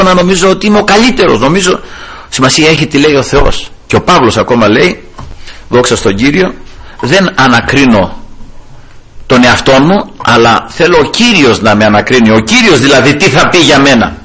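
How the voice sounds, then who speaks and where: A man's voice: medium pitch, a bit bright, slightly rough. A man preaching a fervent sermon, addressing the brethren often and repeating refrains of praise to the Lord.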